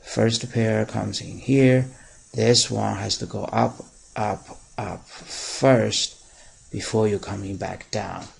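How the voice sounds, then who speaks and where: A man teaching chemistry in a recorded lecture, explaining step by step with pauses and fillers and stressing key words. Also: on the low side, fairly even intonation, poor audio. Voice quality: very gravelly and raspy.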